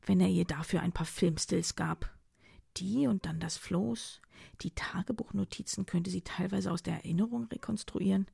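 A woman reading a novel aloud as narrator, steady and measured. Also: fairly low pitch, vocal fry, breathy edge, no echo, studio quality. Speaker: audiobook reader. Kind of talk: scripted narration.

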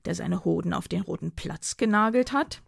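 A woman's voice: lowish voice, moderate pace, gravelly, no room sound, studio quality. Woman doing a smug, cocky male journalist. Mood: mocking. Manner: condescending, mocking banter.

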